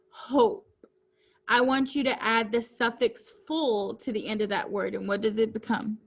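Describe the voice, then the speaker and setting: A woman teacher giving a reading lesson to children, speaking deliberately and enunciating each word clearly. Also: a little high, a bit bright.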